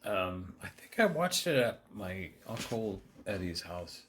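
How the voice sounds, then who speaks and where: A man guesting on a casual movie chat, easygoing and soft-spoken with many fillers. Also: sits low, big pitch swings, a little slow, a little hiss or hum.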